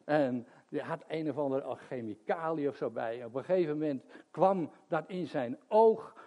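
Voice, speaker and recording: An older man with a slightly high voice, speaking. He preaches in a relaxed, storytelling way and chuckles often as he explains his points. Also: moderate pace. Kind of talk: sermon.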